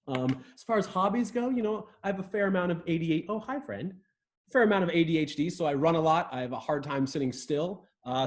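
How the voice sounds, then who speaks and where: A man from Ohio hosting a casual livestream dinosaur lesson over a video call, chatty and joking with viewers from a room in a rented home. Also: mid-range voice. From Ohio, USA. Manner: enthusiastic, jokey, chatty with viewers. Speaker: host and dinosaur educator. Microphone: video call setup.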